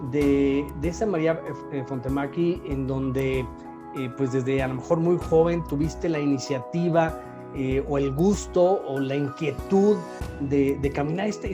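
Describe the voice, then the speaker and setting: An interview host introducing a guest at length and asking questions, pausing and restarting often. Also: mid-range voice. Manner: warm praise, many hesitations and restarts.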